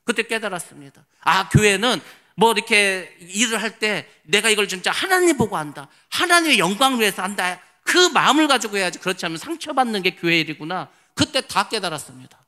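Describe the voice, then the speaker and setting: A middle-aged man preaching a sermon as pastor, telling stories in an animated way and acting out quotes. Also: high-pitched, a little fast, hardly any pauses. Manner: animated storytelling, acting out his own past prayers and quotes.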